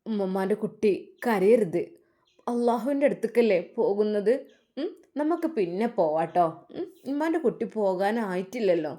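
A woman's voice: mid-range voice, lively intonation, moderate pace, warm tone, close to an everyday voice. A woman voicing a tender grandmother who soothes and coaxes a crying child. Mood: soothing. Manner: soothing, coaxing.

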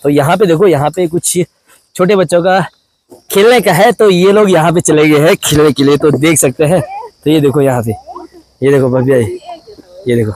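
Speaking at a normal speed in a slightly mellow voice on the high side, with no echo, this young Uttarakhand vlogger chats casually to his audience. He walks through hill temples and along a riverside, pointing things out as he goes.

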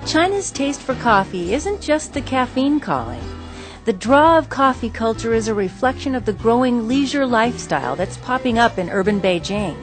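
Female feature reporter, animated high delivery over background music. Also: normal speed, poor audio. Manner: upbeat, chatty on camera. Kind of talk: scripted news feature narration.

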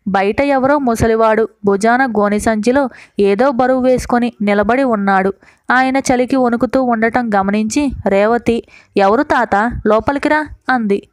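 A woman reads a folk tale aloud in a clear, smooth voice that sits a little high. The sound is dry and close, with no room around it. She tells the story in an even, scripted narrating manner. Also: unhurried, dry recording.

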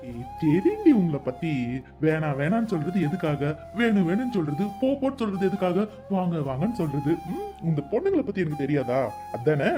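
A woman's voice: lowish voice, sing-song, a little fast. A woman voicing Kathir, a playful, devoted young man in a cartoon, coaxing, teasing and protective. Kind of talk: cartoon voice acting. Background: background music.

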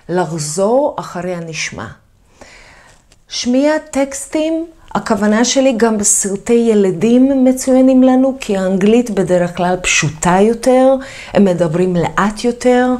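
A woman who teaches English, giving a video lesson about accent in a lively, emphatic way and repeating her key points. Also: mid-range voice.

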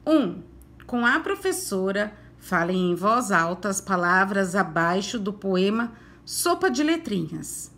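A woman's voice: mid-range voice, very animated, a bit bright. A woman teacher with a Brazilian Portuguese accent, giving a recorded lesson to young children in a coaxing tone full of diminutives. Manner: slow, sing-song, coaxing with diminutives. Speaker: primary school teacher.

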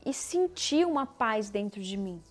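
A woman with a Brazilian Portuguese accent tells a personal faith testimony in a casual, slangy way. She re-enacts her own dialogue and often drops to a hushed voice. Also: mid-range voice, big pitch swings, unhurried, faint music behind.

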